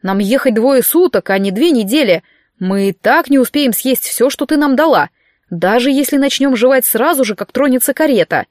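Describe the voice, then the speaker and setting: Storybook figure: a woman doing a dry, deadpan young husband, slow teasing delivery, close dry sound. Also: high-pitched, no room sound. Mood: weary. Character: young male mage husband, dry and wry.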